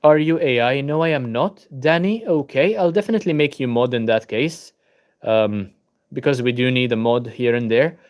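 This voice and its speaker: Sitting at his laptop at home, a young adult from Malta runs a book channel livestream, answering viewer comments in relaxed, casual chat. Maltese is his first language; he sounds tired, says um a lot, greets people by name, and talks with a mid-range voice at a moderate pace.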